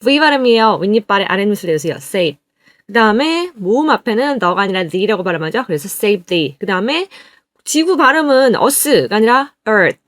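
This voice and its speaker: A woman teaching an online English lesson. She says each word slowly and has students repeat it. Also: medium pitch, big pitch swings, fairly bright tone, no echo, studio quality. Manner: drills words slowly, repeats them for students to copy.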